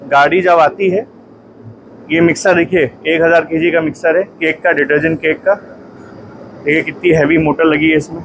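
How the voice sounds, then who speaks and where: A man in his thirties from India, giving a phone-filmed factory tour and then a sales pitch to viewers from a small office, speaking in a direct, persuasive way. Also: steady tone, normal speed, slight background noise, poor audio. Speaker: detergent company owner and trainer. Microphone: phone at arm's length.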